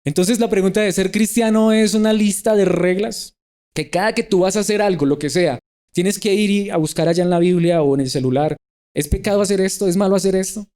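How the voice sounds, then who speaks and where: A middle-aged man gives a sermon in a church, putting question after question to his listeners. His voice sits a little high for a man but has a dark, mellow tone. He slips into the voices of the people he quotes. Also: fairly quick. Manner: asks the listeners many rhetorical questions. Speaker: preacher.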